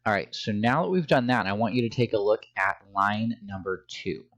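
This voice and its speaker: A man's voice: lowish voice, animated, moderate pace, a bit bright, no room sound. A man teaching a phonics and reading lesson to young children, with patient, encouraging instructions.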